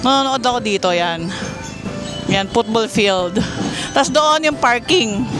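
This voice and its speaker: A woman's voice: on the high side, animated, takes it slowly, over music, poor audio. A Filipino woman chatting casually to her viewers as she walks through a busy outdoor mall, recorded on a handheld phone. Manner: chatty, keeps addressing viewers as guys; raises her voice to be heard over the crowd. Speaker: vlogger giving a mall tour. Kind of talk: casual walking vlog.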